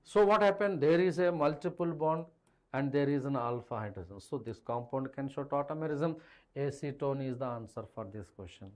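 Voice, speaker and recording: A middle-aged male teacher with an Indian accent explains at the board in a live online lesson. His voice sits a little high for a man. He addresses students directly and slips between two languages as he explains. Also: darkish tone. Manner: code-switches between English and Hindi, addressing students directly. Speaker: chemistry teacher. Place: indoor teaching studio with a digital board. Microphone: clip-on lapel mic.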